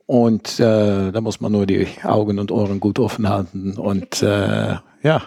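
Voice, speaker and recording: A Dutch-accented man in his fifties speaks slowly and thoughtfully, his voice low, husky and gravelly. The sound is dry and close. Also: level tone, dark tone, no echo. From Netherlands. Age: 50s. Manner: slow, reflective. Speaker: guest. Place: art gallery.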